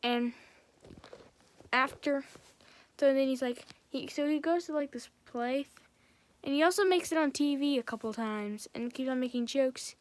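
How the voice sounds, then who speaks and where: A woman's voice: high voice, moderate pace, long pauses. A woman giving a casual, rambling film recap, stringing events together one after another with "and then". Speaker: film reviewer.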